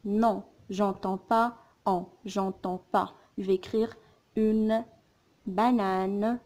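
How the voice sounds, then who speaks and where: A woman teaching a phonics lesson, sounding out words and syllables slowly and repeating them. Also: medium pitch, little pitch movement, a little mellow. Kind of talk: slow, careful phonics lesson.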